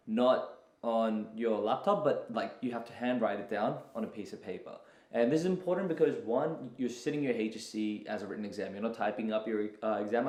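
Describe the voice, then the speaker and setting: A young man gives a casual tutorial in a relaxed, chatty way that is full of fillers. His voice sits on the low side. The room around him is noticeably echoey.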